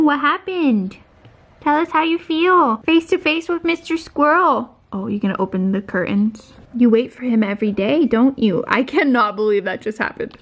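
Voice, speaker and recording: A young woman chatting excitedly in a casual home vlog, gasping and giggling as she talks. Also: fairly high pitch. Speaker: vlogger. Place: home, indoors.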